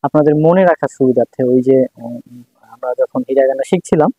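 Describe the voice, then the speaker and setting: A man's voice: medium pitch, fast talker, dry recording, phone-quality sound. A man teaching a writing lesson, patiently repeating syllables one by one as he writes. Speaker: language teacher.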